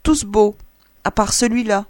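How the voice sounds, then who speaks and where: A woman's voice: mid-range voice, unhurried, darkish tone, no room sound, clean studio sound, natural voice. Grand old duck, condescending and haughty; a woman reads her, storybook.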